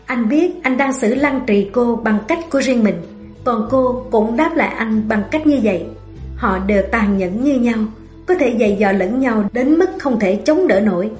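A woman narrating a romance novel in a calm, even, melancholic reading voice. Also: on the high side, normal speed. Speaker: audiobook narrator. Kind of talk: scripted narration. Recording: echoey room with soft music.

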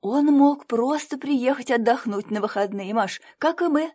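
A woman's voice: high-pitched, a little slow, a little mellow, husky, voice pushed up. A woman voicing an earnest young woman who pleads and reasons with friends. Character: earnest young woman, first-person heroine.

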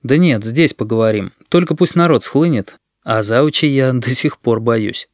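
Man playing a kindly middle-aged police captain, measured and gentle, for a storybook reading. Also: mid-range voice, no room sound, clean studio sound, lightly acted. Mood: calm.

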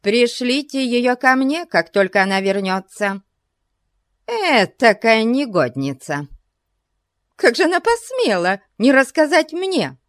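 A woman's voice: on the high side, big pitch swings, slow, no echo, clean studio sound, voice pushed up. A woman voicing a hysterical, imperious rich old spinster who shrieks at her companions. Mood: furious.

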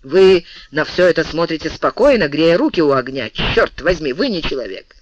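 A man's voice: a little high, lively intonation, moderate pace, no room sound. A man doing a fiery young musketeer. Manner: fiery, exclaiming. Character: hot-tempered young male musketeer, bold. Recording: dull lo-fi dry audio.

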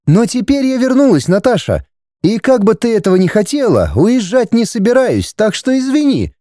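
A self-assured young woman rival with cool, mocking politeness, played by a woman. Her dark, mellow tone swings through a lively melody, recorded close and dry for an audiobook. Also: fairly high pitch, moderate pace, no echo. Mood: smug. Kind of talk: audiobook character voice.

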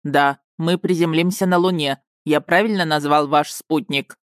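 A woman's voice: low-pitched, fairly even intonation, moderate pace, dry recording, clean studio sound, close to an everyday voice. A woman voicing a polite, proud male robot starship in an audiobook. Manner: matter-of-fact, courteous. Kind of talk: audiobook character reading.

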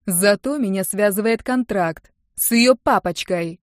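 A woman's voice: mid-range voice, normal speed, no echo, clean studio sound, close to an everyday voice. Woman doing a venomous, domineering rich mother. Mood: angry. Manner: sarcastic, venomous, raising her voice. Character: domineering wealthy middle-aged mother, scornful. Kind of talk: audiobook reading.

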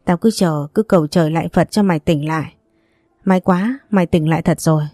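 A woman's voice: lowish voice, a little fast, mellow, no room sound, studio quality, lightly acted. A woman voicing a crude, emotional young female best friend who talks bluntly and teasingly. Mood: excited.

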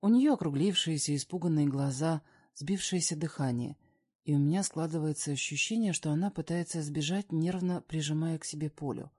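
A reader narrating a first-person romance novel with expressive, ironic delivery. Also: medium pitch, fairly quick, husky. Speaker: audiobook reader.

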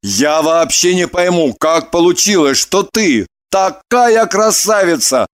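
Brief: man voicing a young tormented killer in an audiobook, bitter and confessional, rather high for a man. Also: expressive, slow pace. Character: troubled 27-year-old male killer, confessing. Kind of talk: audiobook dialogue reading.

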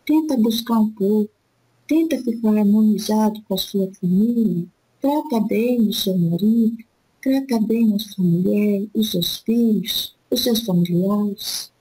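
A woman speaking as an elderly spirit guide in a spiritist session, giving gentle fatherly counsel and calling the listener "my son" after nearly every phrase. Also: mid-range voice, husky, rough recording. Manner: slow, repetitive, soothing advice.

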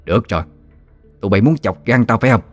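A spiteful, vengeful old woman who snarls abuse and threats, voiced by a male storyteller. The voice stays low and gruff. It is a ghost-story narration with faint music underneath. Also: quick pace, no echo, natural voice. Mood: furious. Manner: snarling, abusive scolding. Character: spiteful older woman, vengeful household tyrant.

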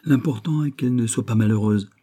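A man's voice: a little fast, lightly acted. A man voicing a grieving older mother who speaks with raised, emotional intensity. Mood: weary. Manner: raised pitch, louder, emotional.

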